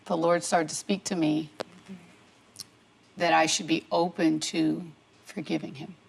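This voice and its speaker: A woman's voice: sits low, steady tone, unhurried, vocal fry, poor audio. A middle-aged woman telling a personal story on a talk show, acting out the dialogue as she goes. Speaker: guest. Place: tv studio.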